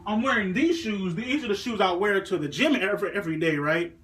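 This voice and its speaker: A man with a fairly high voice tells a story in a fired-up, cursing rant. He keeps switching into mocking impressions of the people he describes and addresses the viewer straight on. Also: fairly quick, a bit bright. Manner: heated, swearing constantly, slips into mock voices for others. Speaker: vlogger.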